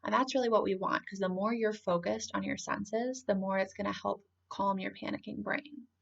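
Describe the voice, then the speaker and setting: A woman calmly explaining and guiding a grounding exercise in an informal, conversational way. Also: medium pitch, moderate pace, gravelly, muffled recording. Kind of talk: informal spoken lesson, calm grounding exercise.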